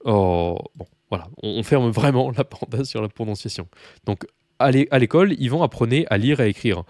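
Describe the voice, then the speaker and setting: A man's voice: medium pitch, animated, a little fast, a little mellow, no echo, studio quality. Chatty French-speaking man teaching Russian. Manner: chatty, many fillers and asides, addresses learners directly. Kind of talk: casual video lesson.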